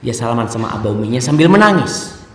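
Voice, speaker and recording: A man preaching a dawn sermon, telling stories animatedly, jumping from loud high exclamations to hushed low narration. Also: sing-song, quick pace. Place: mosque. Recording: echoey mosque hall with long reverb.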